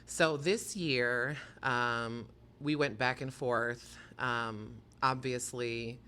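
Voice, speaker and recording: A man's voice: mid-range voice, steady tone, very slow, pushed and bright, clean tone. A man who organizes a pride festival, speaking passionately and emphatically as a podcast interview guest at a museum. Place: museum near a university campus.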